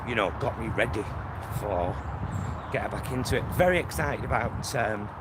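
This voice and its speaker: Loud traffic and outdoor ambience surround a Greater Manchester man as he vlogs while walking by roads and a motorway. In a low-ish, animated voice at a moderate pace, he chats casually in his Northern English accent, rambling and breaking into his own sentences.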